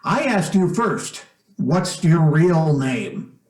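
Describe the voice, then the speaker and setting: An actor playing a shrewd, outwardly genial stepfather who probes with quiet menace in an old-time radio suspense drama. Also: fairly high pitch, big pitch swings, echoey room, exaggerated voice. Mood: slyly suspicious. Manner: deliberate, probing, hesitant phrasing.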